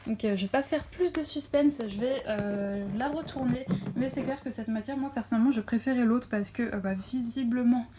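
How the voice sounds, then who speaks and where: A woman's voice: on the high side, normal speed, hardly any pauses, noisy background. Chatty young woman unboxing at home. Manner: chatty, lots of fillers and self-corrections. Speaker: crafts vlogger. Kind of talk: casual unboxing chat. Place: at home near a window. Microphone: phone camera.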